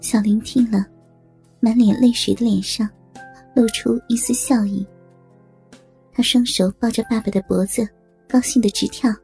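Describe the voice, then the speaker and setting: A woman's voice: on the high side, fairly even intonation, normal speed, vocal fry, pauses often, mellow, faint music behind. A woman reading a dramatic family story aloud as a storyteller. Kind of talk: scripted story narration.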